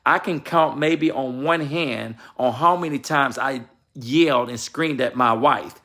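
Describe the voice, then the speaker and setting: This vlogger lectures on marriage like a casual sermon, repeating himself emphatically, addressing viewers head-on, and turning to his wife for confirmation. He has a sharp, mid-range voice and takes his time.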